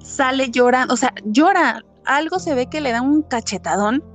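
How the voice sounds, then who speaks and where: A woman with a Mexican accent, telling a ghost story in a relaxed, chatty way, with many fillers, acting out what people said. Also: high-pitched, moderate pace, faint music behind. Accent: Mexican Spanish. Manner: animated, many fillers, acts out quotes. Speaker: guest telling ghost stories. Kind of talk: casual storytelling chat.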